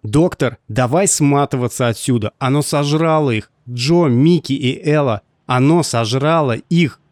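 Figure: panicked young male kitchen worker, voiced by a male narrator. Quality: hoarse. Pitch: raised above the narrator's own. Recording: dry. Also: measured pace, a little mellow, no echo, lightly acted.

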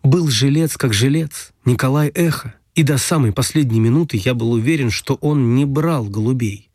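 Brief: male story narrator, mid-pitched and slightly husky, dry close sound. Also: no room sound. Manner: steady storytelling, brisk past-tense narration.

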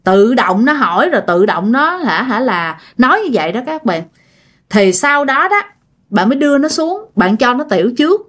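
A woman's voice: a little high, big pitch swings, moderate pace, fairly bright tone. Chatty woman telling a ghost story. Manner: chatty, addresses listeners directly. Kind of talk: casual ghost story narration.

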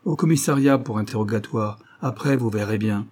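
A man's voice: lowish voice, a little fast, darkish tone, lightly acted. A man reading an audiobook, voicing a curt, commanding policeman with a Parisian accent. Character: brusque male policeman making an arrest.

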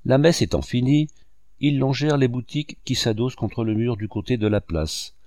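A man narrating a classic novel in a measured, inflected reading voice. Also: medium pitch, no echo, studio quality. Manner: measured, with lively rising and falling inflection. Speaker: audiobook narrator.

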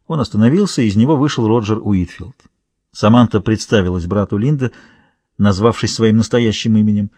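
A man narrating a thriller audiobook in a steady, measured reading. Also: fairly low pitch, dry recording. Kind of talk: scripted narration.

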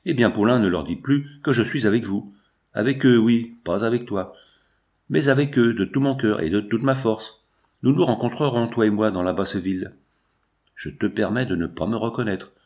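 A man voicing a compassionate fifteen-year-old girl in an audiobook, speaking with pleading emotion and a lowish voice. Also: normal speed, darkish tone, lightly acted. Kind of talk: audiobook reading.

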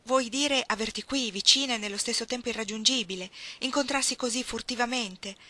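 Impassioned young man, read by a woman, urgent and emphatic, bright clear tone, audiobook. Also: a little high, fairly quick, no room sound, pitched above the performer's own voice. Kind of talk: audiobook reading.

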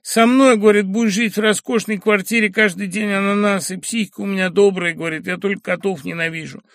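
A man voicing a tearful, distraught young woman in an audiobook, sobbing in a high, loud voice. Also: fairly even intonation, fast talker, dry recording, studio quality.

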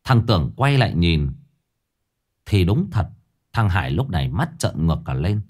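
Man, storyteller, ghost tale narration, low pitch, lively delivery. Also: normal speed. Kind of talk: spooky folk tale narration.

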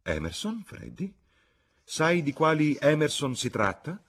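A man voicing an excitable, self-righteous middle-aged mother who exclaims and fusses in a raised voice. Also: a little high, a little slow, pitched above the performer's own voice, full character voice. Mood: fussy.

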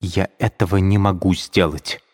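A man voicing a soft, restrained young sister. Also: deep voice, fairly even intonation, moderate pace, in a large hall, natural voice. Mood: hushed restrained. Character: young woman, proud but gentle sister.

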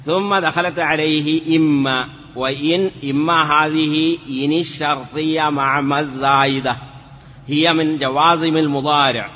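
A male teacher giving a step-by-step Arabic grammar lesson, asking the class questions and drawing words out slowly. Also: on the high side, pushed and bright. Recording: lo-fi, hall reverb, faint noise.

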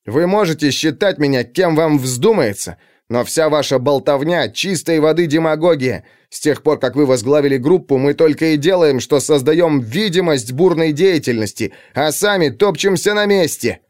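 A man's voice: a little high, animated, normal speed, hardly any pauses, darkish tone, voice pushed up, natural voice. A man voicing a heated, defiant police captain in an audiobook reading. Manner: hot-tempered, defiant.

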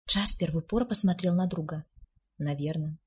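A woman narrating an audiobook in a measured reading voice. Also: on the low side, slightly rough.

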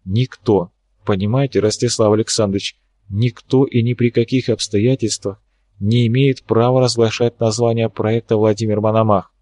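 A man's voice: on the low side, steady tone, moderate pace, warm tone, no room sound, lightly acted. A man reading an audiobook, voicing a wry, worried young woman scientist in a lightly raised voice with a musing, ironic manner.

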